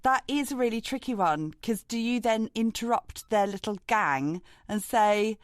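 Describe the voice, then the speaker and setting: A woman's voice: a little high, lively intonation, normal speed, no echo, studio quality. A woman with a British accent co-hosting a podcast in casual chat, telling stories and laughing often. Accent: British English. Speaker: podcast co-host.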